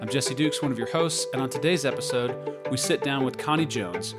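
A man's voice: medium pitch, fairly quick. A man hosting a podcast, talking in a casual, upbeat and friendly way with frequent fillers. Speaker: podcast host. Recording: music bed behind the voice. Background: background music.

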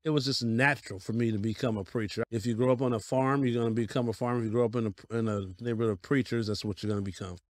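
A Denver pastor in his fifties shares stories of his life as an interview guest, folksy and quick to laugh. He talks very fast with few pauses in a mid-range voice with fairly even intonation, on a dry recording.

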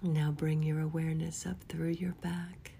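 A woman leading a guided relaxation in a soft, soothing whisper, gently giving unhurried instructions. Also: low-pitched, flat delivery, gravelly, slight background noise. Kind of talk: whispered guided body-scan meditation.

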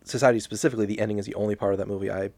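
A man's voice: lowish voice, steady tone, racing, darkish tone, dry recording. A man co-hosting a podcast in casual chat, making dry, wry jokes. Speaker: podcast co-host.

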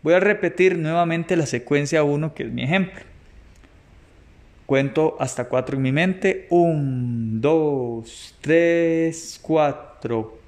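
A man teaching a music lesson, patiently explaining rhythm exercises and counting beats aloud. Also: on the high side. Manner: patient, slow, counts beats aloud and demonstrates claps and shushes. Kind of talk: explanatory lesson audio for students.

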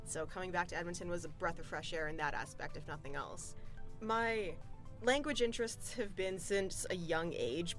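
A young woman, talking as a podcast guest in a bubbly, self-deprecating way with a Valley-girl-like lilt. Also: lowish voice. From Canada. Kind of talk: casual interview talk.

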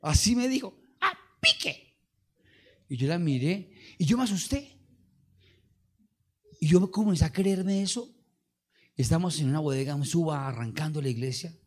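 A middle-aged man with a Colombian Spanish accent, a pastor preaching a sermon with lively storytelling and call-and-response. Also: a little high, moderate pace, pauses often.

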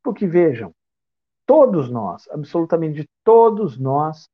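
A man's voice: on the high side, very animated, slow pace, phone-quality sound. Brazilian man giving a reflective talk. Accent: Brazilian Portuguese. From São Paulo state, Brazil. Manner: reflective, rhetorical questions. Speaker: spiritist speaker. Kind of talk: lecture.

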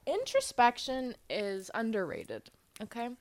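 A woman's voice: fairly high pitch, huge pitch swings, a little slow, no echo. A young woman co-hosting a podcast, talking with dry, sarcastic, profane humor. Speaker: podcast co-host. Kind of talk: casual chat.

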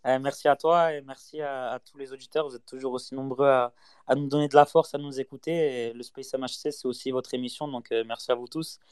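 A man's voice: mid-range voice, steady tone, quick pace, a little mellow, smooth, no room sound. A man co-hosting a casual chat, speaking in a hesitant way with many fillers. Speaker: co-host.

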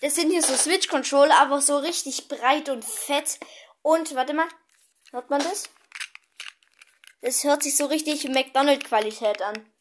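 High-pitched teenage girl vlogger, chatty and rambling, telling a story. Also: unhurried, long pauses, a little hiss or hum. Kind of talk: casual storytelling chat.

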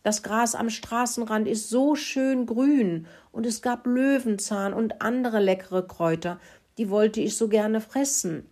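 Lady doing a sulky pony boy, husky and whiny, complains about everything. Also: on the high side, measured pace, a little mellow, voice pushed up. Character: grumpy, sulky young male pony.

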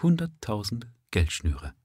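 A man's voice: on the low side, wildly swooping pitch, a little slow, dark tone, slightly rough, dry recording, studio quality, heavily acted. Cheeky, scheming servant, read by a man. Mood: sly. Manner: cheeky, coaxing, mock-humble. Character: sly, greedy young male jailer's servant. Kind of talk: dramatic reading of a story.

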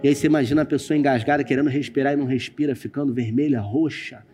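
A man's voice: mid-range voice, fairly even intonation, rapid-fire, dark tone. A man pastor with a Brazilian Portuguese accent, preaching a sermon and telling a personal story, speaking straight to the congregation with dramatic turns. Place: church stage with screen.

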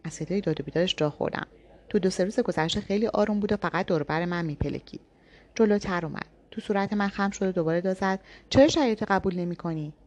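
A woman reading a novel aloud in the first person, with even, intimate storytelling. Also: fairly low pitch. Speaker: audiobook narrator.

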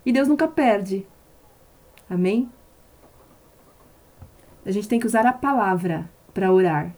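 A woman's voice: mid-range voice, lively intonation, slow pace, warm tone. A woman preaching a sermon on a live stream, impassioned and emphatic, repeating phrases for stress.

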